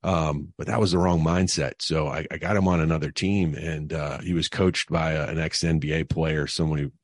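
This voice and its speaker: Very deep-voiced man telling stories. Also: fairly even intonation, moderate pace, no echo, clean studio sound. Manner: conversational, frequent fillers and restarts. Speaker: guest, financial advisor. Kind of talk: casual interview storytelling.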